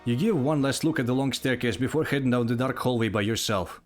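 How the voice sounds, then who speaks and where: Man narrating a text game, casual, mid pitch, faint music behind. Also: quick pace. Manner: casual, with asides. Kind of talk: reading out a text adventure game.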